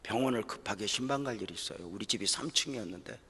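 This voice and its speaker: Husky low-voiced pastor guy, tense forceful edge, goes hushed then loud, big echoey church hall. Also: fast. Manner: emotional storytelling, drops to a hush then rises loud. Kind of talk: sermon at a pastors' seminar. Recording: long reverb of a large hall.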